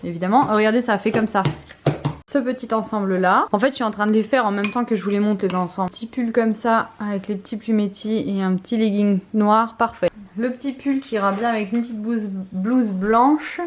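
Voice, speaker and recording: A woman's voice: mid-range voice, brisk, slight background noise. A young adult woman chatting casually in a family vlog at home, with lots of fillers and an exasperated tone. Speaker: family vlogger. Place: home, kitchen.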